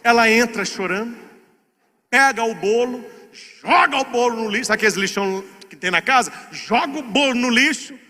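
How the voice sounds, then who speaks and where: A man's voice: very high-pitched, normal speed. A man preaching a sermon, telling a comic story and acting out the scenes, recorded in an echoey hall. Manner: animated, comic, acts out scenes.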